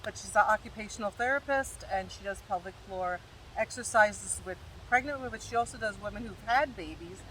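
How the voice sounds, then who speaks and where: A woman's voice: mid-range voice, brisk, recorded from a distance, slight background noise, poor audio. Reassuring middle-aged woman giving advice. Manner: reassuring, advising, gently instructive. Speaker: podcast co-host, doula. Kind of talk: casual advice chat.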